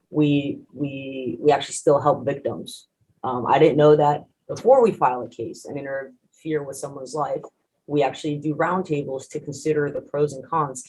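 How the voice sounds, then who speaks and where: A man in his thirties, a native Spanish speaker, talks about his path into prosecution in an earnest, conversational manner. His voice is husky and he keeps his intonation fairly flat. He often restarts his sentences as he goes. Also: medium pitch, rough recording. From grew up in Mexico. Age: 30s. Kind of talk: panel talk, personal story.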